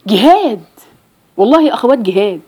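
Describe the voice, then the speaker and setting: A woman's voice: fairly high pitch, expressive, fast talker, mellow. A middle-aged woman with an Egyptian Arabic accent, a Quran teacher giving an emphatic religious talk to women and repeating phrases for stress.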